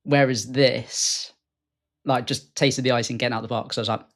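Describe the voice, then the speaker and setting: Relaxed British man, joking coach. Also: medium pitch, moderate pace. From United Kingdom. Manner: laid-back, joking. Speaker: fitness coach. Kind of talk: casual chat.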